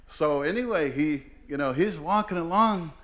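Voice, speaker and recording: A man's voice: on the high side, lively intonation, normal speed, a bit bright. A man in his sixties from Oregon, a language teacher, telling a humorous story live on stage with lots of fillers. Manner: rambling and humorous, heavy with fillers. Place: performing arts hall, live event.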